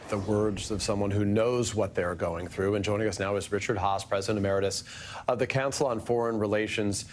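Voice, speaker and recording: A man's voice: on the low side, fairly even intonation, fairly quick, a little hiss or hum. Man anchoring a news broadcast. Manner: smooth, scripted delivery.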